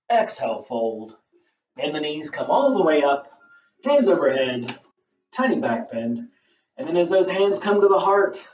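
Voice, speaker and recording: Man leading a yoga class in an echoey room. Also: fairly high pitch. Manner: calm, encouraging cues with casual asides. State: out of breath. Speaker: yoga instructor. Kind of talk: guided yoga class instruction. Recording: roomy, distant, dull camera audio with faint music.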